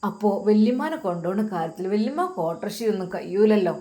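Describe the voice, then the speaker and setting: A woman voicing a warm, talkative middle-aged aunt, fast and chatty. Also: medium pitch, expressive, lightly acted.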